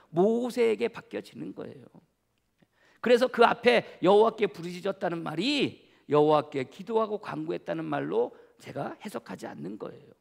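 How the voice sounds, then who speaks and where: A male pastor with a very high, gravelly voice preaches to his congregation, asking rhetorical questions as he goes. His voice carries a long echo through the church sanctuary. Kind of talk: sermon. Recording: church hall reverb.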